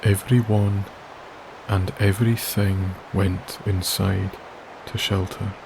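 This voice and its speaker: With a low, nearly flat, vocal-fried voice, a man gently narrates a sleep story, soft and soothing. He moves very slowly with long pauses, and under him are wilderness ambience and a steady hiss.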